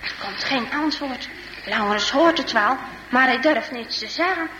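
A woman reading a children's story aloud with expressive, dramatic storytelling, in an echoey hall with faint noise. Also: sits high, measured pace.

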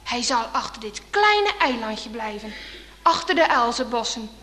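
A woman reading a children's story aloud in an expressive, suspenseful way. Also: on the high side, unhurried, long reverb tail.

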